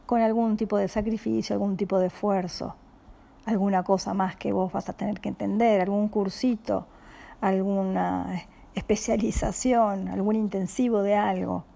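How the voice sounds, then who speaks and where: A woman with a Rioplatense Spanish accent giving a calm, reflective spiritual talk, speaking slowly and often dropping into a soft whisper. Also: mid-range voice, vocal fry. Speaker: spiritual teacher.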